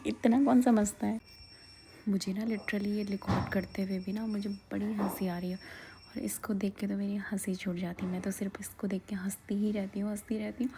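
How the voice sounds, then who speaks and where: A woman casually narrating a vlog, often slipping into a soft whisper and laughing. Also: mid-range voice, slight background noise. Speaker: vlogger.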